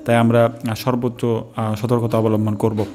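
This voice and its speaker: Male recitation teacher, mid pitch, slow and methodical, repeats sounds for learners; faint music underneath. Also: monotone, warm tone. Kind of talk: step-by-step pronunciation lesson.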